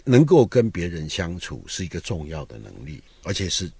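A man's voice: low-pitched, big pitch swings, moderate pace, a little mellow, husky. An older man, a guest writer, talking in a musing, discursive way through a reflective conversation. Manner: musing, discursive, with rising and falling emphasis.

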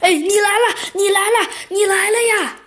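A woman's voice: a little high, sing-song, moderate pace, a bit bright. A woman voicing a flustered male coin collector in a children's story, panicky and stammering.

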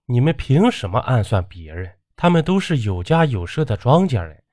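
A man's voice: medium pitch, sing-song, moderate pace, a little mellow, dry recording, studio quality, close to an everyday voice. A man playing a stern, upright old village doctor who talks firmly and bluntly. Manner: firm, blunt.

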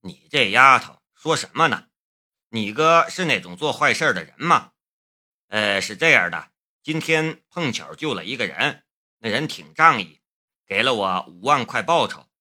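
A man playing a gruff protective older brother. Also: medium pitch, lively intonation, moderate pace, bright, forceful tone. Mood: reassuring. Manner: gruff, mock-stern.

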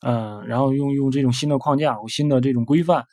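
A man's voice: mid-range voice, steady tone, quick pace, darkish tone, dry recording, studio quality. A young man giving casual spoken advice as a developer, hesitant, with many fillers and repeated words.

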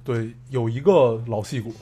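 A man's voice: medium pitch, moderate pace, mellow. A young man, chatting casually as co-host of a podcast about films. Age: young adult. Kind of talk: casual film chat. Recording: guitar music behind the talk. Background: guitar music.

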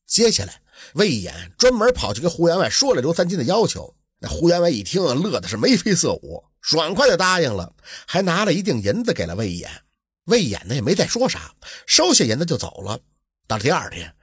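A man tells an old folk tale in a lively, chatty storyteller's manner, his pitch moving freely. His voice is very husky and breathy. The recording is close and dry. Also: no echo.

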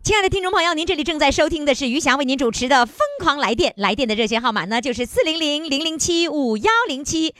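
A woman's voice: sits high, lively intonation, fast, hardly any pauses, a bit bright. A woman hosting a call-in radio show, teasing her callers and laughing a lot. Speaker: radio host.

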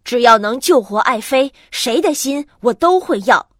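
A woman's voice: on the high side, animated, normal speed, a bit bright, no room sound, studio quality, pitched below the performer's own voice. A woman voicing a rash, domineering male tyrant king who talks in a blustering, commanding way.

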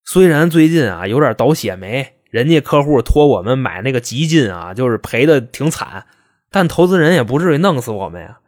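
A man's voice: medium pitch, very animated, moderate pace. A man acting a furious wronged husband. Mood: defensive. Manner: wailing, shouting, swearing, then pleading his innocence. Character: grieving then furious middle-aged husband.

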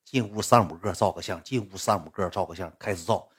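A young man with a Northeastern Chinese accent telling a comic story in lively, chatty dialect. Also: low-pitched, fast, slightly rough.

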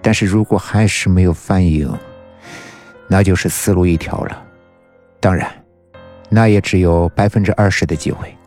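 A man narrator voicing a tall, detached man who speaks flatly and without hurry. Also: low-pitched, soft background music, lightly acted. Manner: flat, unhurried, matter-of-fact. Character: tall calm man giving injections, detached.

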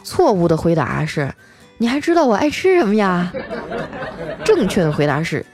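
A woman's voice: lowish voice, sing-song, moderate pace, music in the background, crowd noise. A woman voicing a married man who wryly jokes about his wife and mother-in-law. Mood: rueful. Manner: sighing, storytelling tone. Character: boastful married man, wry and rueful.

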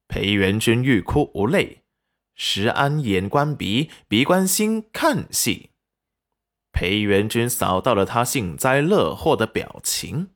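Slow, lively male audiobook narrator. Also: medium pitch. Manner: expressive storytelling. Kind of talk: scripted narration of a serial novel.

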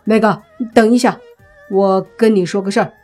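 A woman reading an audiobook and voicing a stern, proud middle-aged father who speaks gruffly and scolds slowly and weightily. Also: lowish voice, faint music behind, exaggerated voice. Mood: awkward.

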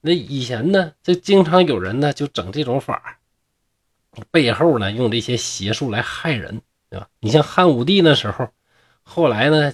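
Husky Northeastern Mandarin storyteller. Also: male voice, medium pitch. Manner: chatty asides to listeners. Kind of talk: humorous folk-tale storytelling.

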